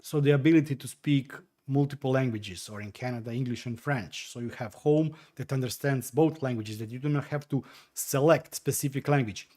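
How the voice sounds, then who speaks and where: A chatty man whose first language is Croatian hosts a casual livestream from home, answering viewer comments while he tinkers. His warm, mid-range voice moves at normal speed, but he's hesitant, using many fillers and restarts.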